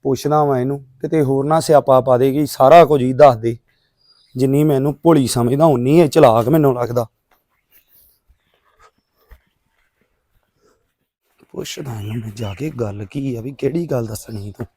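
A man's voice: high voice, rapid-fire, no echo, close to an everyday voice. A man playing an evasive village son. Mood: muttering. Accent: Punjabi. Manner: brushing off questions, placating. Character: evasive young village son, easygoing, secretive. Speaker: grown son. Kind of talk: village drama acting.

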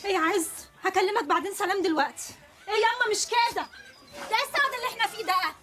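A woman's voice: very high voice, very fast, sharp tone. An actress with an Egyptian accent playing a chatty young woman about to marry, who exclaims and giggles a lot. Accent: Egyptian Arabic. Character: giddy young bride-to-be.

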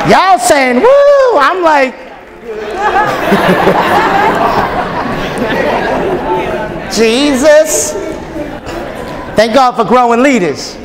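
Very high-voiced, this man in his thirties gives a lively sermon to a live audience in a large hotel ballroom. He jokes, stays animated and calls out for responses; the recording carries long reverb and a faint crowd.

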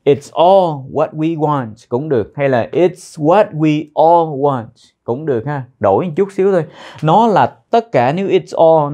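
A man's voice: on the high side, darkish tone. A male teacher explaining and repeating English phrases one by one, drilling their pronunciation and meaning.

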